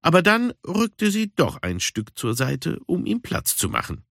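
Husky gravelly guy reading a kids story, slow and lively, dry close sound. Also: sits high, no echo. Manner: expressive, unhurried storytelling. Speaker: audiobook narrator.

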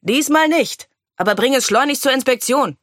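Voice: high voice, animated, normal speed, fairly bright tone, no room sound, studio quality, pitched above the performer's own voice. A narrator voicing a stern police officer who talks in a curt, commanding way in a storybook reading. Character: stern middle-aged policewoman, brisk and cutting.

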